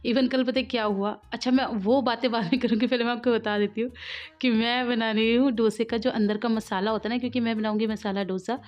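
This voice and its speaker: A woman's voice: fairly high pitch, steady tone, fast. A woman recording a chatty voice-over for her home cooking vlog. She has a sore throat and a cough, laughs often, and drifts into side stories. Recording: dull lo-fi voice-over.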